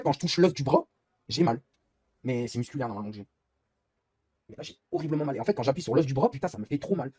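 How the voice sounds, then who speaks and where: A young man chats on a live stream while playing a racing game, talking at a breakneck pace and swearing freely as he rambles through his complaints. His voice is husky and mellow, and the recording is close and dry. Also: mid-range voice, no echo. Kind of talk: casual live-stream chat while gaming.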